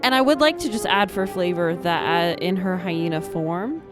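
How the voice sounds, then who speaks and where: A woman's voice: lowish voice, normal speed. A woman player at a tabletop role-playing game, describing her character's moves in casual chat. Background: background music.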